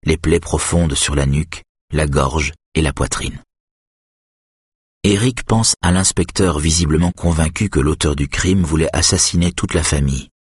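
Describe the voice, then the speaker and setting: A man doing measured, scripted audiobook narration of a thriller. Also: very deep voice, slightly rough, dry recording, clean studio sound.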